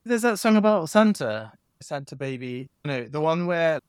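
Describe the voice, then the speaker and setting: A woman's voice: low-pitched, expressive, normal speed, darkish tone, smooth, no room sound, studio quality. A woman co-hosting a podcast, chatting casually in a playful, informal way. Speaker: podcast co-host. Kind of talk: casual chat.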